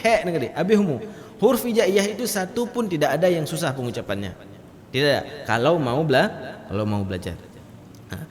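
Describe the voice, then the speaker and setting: Male Quran teacher, high voice, reverberant mosque hall, alternates explanation with chanted demonstrations. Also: animated. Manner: explains letters then demonstrates with loud drawn-out recitation. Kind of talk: mosque tajwid lesson.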